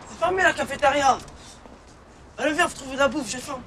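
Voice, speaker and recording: An actor playing a restless, hungry young man who talks quickly and offhandedly in a film scene. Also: very high-pitched, sharp tone, slight background noise. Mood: easygoing. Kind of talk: film acting.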